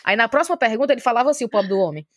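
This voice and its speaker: A woman with a Cearense Brazilian Portuguese accent, a talkative podcast guest telling lively anecdotes in casual chat, acting out the dialogue as she goes. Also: a little high, rapid-fire, no echo, studio quality. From Ceará, Brazil.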